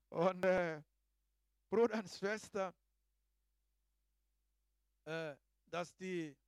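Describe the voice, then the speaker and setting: A man preaching a sermon in a halting way, swinging between hushed asides and loud exclamations. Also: high voice, clear, resonant tone, no echo, clean studio sound.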